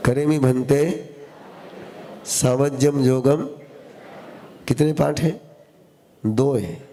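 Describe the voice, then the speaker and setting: Before a live audience, a spiritual teacher delivers a sermon in a medium-pitched, dark-toned voice, with slight background noise. His teaching is slow and repetitive, built from short phrases in call-and-response, and he quizzes those listening.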